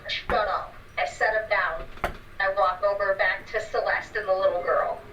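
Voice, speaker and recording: A woman player describing her character's actions in a tabletop game, blunt and forceful. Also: mid-range voice, steady tone, normal speed, noisy background. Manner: forceful, swears when in character. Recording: roomy, distant, dull sound.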